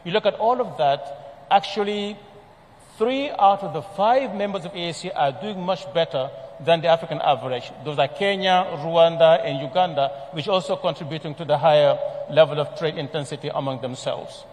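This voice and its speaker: A man from Senegal presenting a report at a conference, speaking in a measured way with frequent fillers and restarts. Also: fairly high pitch, a little mellow. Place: large conference hall. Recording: long hall reverb.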